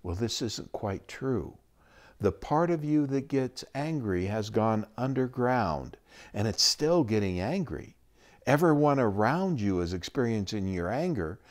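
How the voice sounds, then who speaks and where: A man giving a reflective teaching talk, measured and explanatory, with frequent pauses. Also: medium pitch, a little mellow. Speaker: spiritual teacher.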